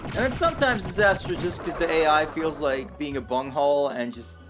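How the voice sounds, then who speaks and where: Streamer, male, slightly higher voice, rambling casual chat, game music behind. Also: normal speed. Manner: rambling, chatty, self-deprecating.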